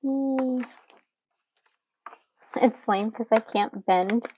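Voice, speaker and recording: A young woman chatting casually while she journals at home, relaxed and giggly, with lots of fillers. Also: a little high, extremely slow, dull audio, a little hiss or hum. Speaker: journaling channel host.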